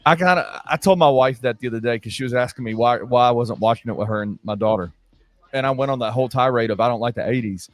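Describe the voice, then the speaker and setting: A man's voice: medium pitch, no room sound. A man in his forties co-hosting a casual podcast, ranting in a dry, contrarian way. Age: 40s. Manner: dry and contrarian, with deliberate rants. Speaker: podcast co-host. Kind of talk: casual sports and pop culture chat.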